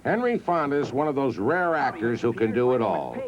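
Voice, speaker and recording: A man's voice: mid-range voice, big pitch swings, brisk, background noise. A man narrating a TV documentary about film stars in a scripted, storytelling style. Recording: dull 1980s TV audio with music.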